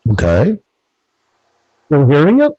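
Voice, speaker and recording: A man's voice: on the high side, wildly swooping pitch, takes it slowly, dark tone, breathy edge, no echo. A man in casual chat as a call-in guest, sounding muffled and distorted through a faulty microphone, like he's behind a wall. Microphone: faulty microphone over a call. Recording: muffled, buzzing call mic.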